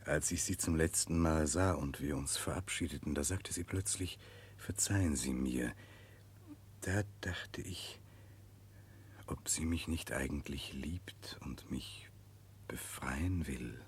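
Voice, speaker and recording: An actor in a 1960s German radio drama playing a brooding, remorseful prince, grave and introspective. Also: male voice, very deep voice, slow, breathy edge, exaggerated voice. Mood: sad, resigned. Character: brooding, remorseful Russian prince searching for redemption.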